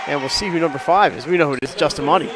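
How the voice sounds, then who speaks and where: A man calling live high school basketball in a chatty way, sounding nasal and stuffy, as if pinching his nose, because he is under the weather. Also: rapid-fire, rough recording. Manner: chatty, joking asides. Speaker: play-by-play sports announcer. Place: indoor school gymnasium. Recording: gym crowd and bouncing basketballs behind.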